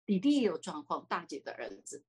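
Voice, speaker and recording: A woman giving a personal faith testimony as an interview guest, swinging from excited high exclamations to hushed speech. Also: brisk, slightly rough.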